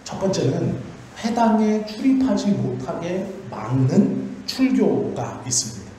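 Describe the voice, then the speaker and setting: A man's voice: high-pitched, sing-song, a little slow, warm tone, a little hiss or hum. A male pastor giving a Friday prayer sermon in a church, explaining by asking questions and then answering them himself. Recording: very echoey church hall.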